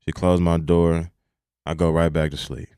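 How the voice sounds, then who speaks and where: A young man speaks in a low voice, telling a personal story in a loose, colloquial way. He keeps checking in with "you know what I'm saying" and swears freely. The recording is close and dry, with no room sound. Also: little pitch movement, normal speed, dark tone, smooth, no echo. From Texas. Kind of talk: personal storytelling in casual conversation.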